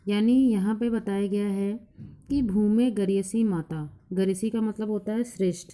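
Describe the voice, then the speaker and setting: A woman teacher explaining a lesson to a class, reciting verses slowly and then explaining them in plain, repeated points. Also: medium pitch, steady tone, dark tone. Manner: repeats each point several times. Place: coaching class.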